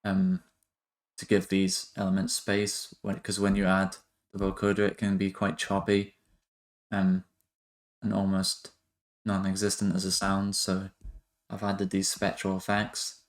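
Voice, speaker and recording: Working through a music software tutorial, this man speaks low and steadily. His narration is relaxed and halting, as if he's thinking each step through as he goes.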